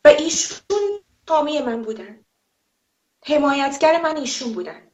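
A woman's voice: high voice, sing-song, darkish tone. A woman, a former TV presenter, giving a personal testimony in an emphatic, indignant way with rhetorical questions. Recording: roomy, slightly dull audio.

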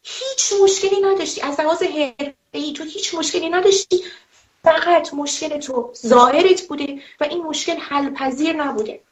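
A woman, a former TV presenter, giving a personal testimony in an emphatic, indignant way with rhetorical questions. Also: high-pitched. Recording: roomy, slightly dull audio.

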